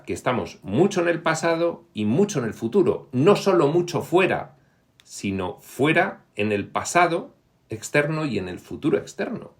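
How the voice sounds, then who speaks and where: Reflective man explaining spiritual teachings. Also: mid-range voice. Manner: reflective, pauses with frequent fillers; reads quoted passages in a raised, livelier voice. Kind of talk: explanatory talk on a spiritual book.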